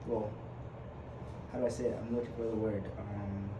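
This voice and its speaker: Speaking at a normal speed in a lowish voice that barely shifts in pitch, a young Ugandan man of twenty-one chats casually on a podcast. His talk is hesitant, packed with fillers and false starts, captured in an echoey, noisy room.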